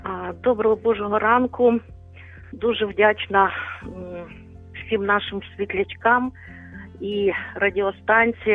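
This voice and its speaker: A woman calling in to a religious radio show, speaking earnestly and devoutly, at times rambling. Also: mid-range voice. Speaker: radio caller. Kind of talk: phone call-in testimony. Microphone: phone. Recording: tinny phone line, faint music.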